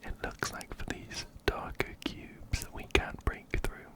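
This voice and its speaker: Whispering breathily and without hurry, a man guides listeners through a game as an ASMR host. A close binaural microphone places his soft, gentle voice from one ear to the other.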